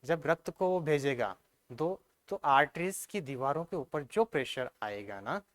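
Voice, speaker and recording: A male teacher, giving an exam-prep science lesson, asking questions and answering them himself, checking often whether it is clear. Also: fairly high pitch, lively intonation, a little slow, a bit bright.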